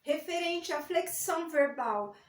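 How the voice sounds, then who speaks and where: In a recorded grammar lesson, a woman walks through each step patiently and spells out words. Her high voice is expressive and unhurried, heard from a distance in an echoey room, slightly off-mic.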